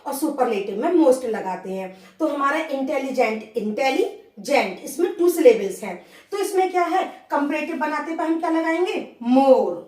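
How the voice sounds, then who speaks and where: Giving a blackboard lesson, an English grammar teacher with a high, darkish voice walks through rules step by step, often checking in with a rising "okay" and slowing right down to dictate example sentences word by word. The sound is roomy and echoey, picked up far from the mic.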